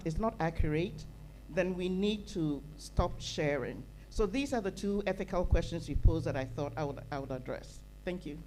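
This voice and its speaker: A woman from Ghana, part of the conference audience, talks earnestly into a handheld mic in the hall, her emphatic delivery building through repetition. Her voice is lowish with a dark tone. The recording is low-quality, marked by a little hiss or hum.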